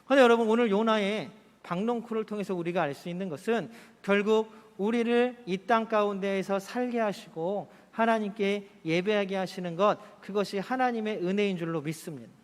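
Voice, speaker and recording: A man's voice: high-pitched, a little fast, hardly any pauses. A man preaching a Sunday sermon as pastor, asking his congregation questions in a conversational way. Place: church sanctuary. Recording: church hall reverb.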